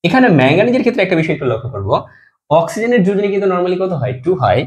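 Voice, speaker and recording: Speaking very fast in a high, sing-song voice with a darkish tone, a man teaches chemistry. He moves step by step, answers the questions he asks, and drops his pitch at the end of each compound name.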